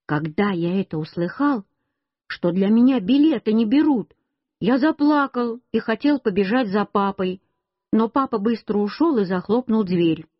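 A woman reads a children's story aloud in the first person, speaking as a little boy. Her voice is husky and breathy. The recording is dry, close and dull, with a lo-fi sound. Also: mid-range voice, lively intonation, normal speed, no room sound. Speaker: reader.

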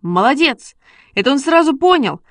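A woman voicing an excitable schoolboy who coaxes and exclaims while training his dog, read as a storybook. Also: on the high side, moderate pace, no echo, clean studio sound, lightly acted. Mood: eager. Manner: eager, coaxing, exclaiming. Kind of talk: storybook reading.

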